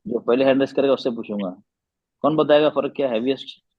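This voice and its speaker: A man's voice: mid-range voice, quick pace, no echo, muffled recording. A man teaching a Quran recitation class online, patiently repeating letter sounds and quizzing his students.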